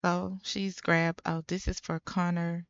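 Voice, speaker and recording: Slow-talking chatty young woman gamer. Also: on the low side, little pitch movement, smooth, dry recording, highs cut off. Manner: chatty and exclamatory, talking to viewers. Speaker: let's play creator. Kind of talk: casual gameplay commentary.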